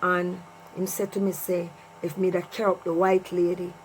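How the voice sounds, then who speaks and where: A middle-aged Jamaican woman vlogs a personal story casually, repeating phrases for emphasis. Her voice is fairly low, her delivery completely flat and moderately paced, and the low-quality recording carries clear mains hum and noise.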